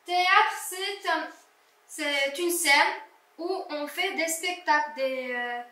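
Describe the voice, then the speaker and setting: A woman teacher with a high, bright voice talks slowly and carefully, breaking words into syllables for young pupils. She is recorded in a very echoey room from some distance away from the microphone. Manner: slow, deliberate, sounding out syllables. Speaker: primary school teacher. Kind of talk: slow classroom lesson correcting exercises.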